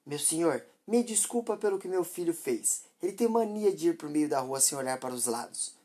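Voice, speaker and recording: A woman's voice: low-pitched, animated, brisk, mellow, husky. A woman voicing a harsh, impatient mother who scolds sharply and dismissively. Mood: scornful.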